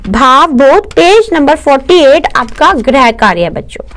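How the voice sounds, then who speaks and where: High-voiced woman teaching children. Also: big pitch swings, measured pace, fairly bright tone. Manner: explains patiently, often asking and answering her own questions; mixes English words into her speech. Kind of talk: online class lesson for children.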